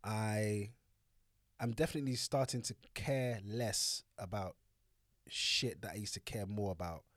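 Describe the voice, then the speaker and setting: Man, 30s, relaxed teasing podcast co-host, low dry voice. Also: unhurried, no room sound. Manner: teasing, laid-back, swears freely. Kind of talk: casual couple chat. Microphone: handheld mic held close.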